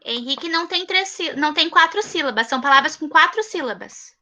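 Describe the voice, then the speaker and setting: On a video call picked up by a computer mic with a little hiss or hum, a Brazilian woman teaches small kids in an online primary school class. Her high, bright, animated voice carries a Brazilian Portuguese accent, and she stays patient and encouraging, repeating every answer slowly and praising the children.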